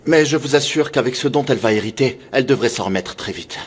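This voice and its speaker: An actor playing a suspicious family member who speaks bluntly and with distrust. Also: male voice, mid-range voice, quick pace, husky, close to an everyday voice.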